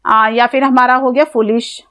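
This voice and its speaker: A woman's voice: on the high side, fairly even intonation, moderate pace, fairly bright tone. A woman with an Indian accent teaching an English grammar lesson, explaining step by step, spelling words out letter by letter, and asking questions that she then answers herself. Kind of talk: classroom-style grammar lesson.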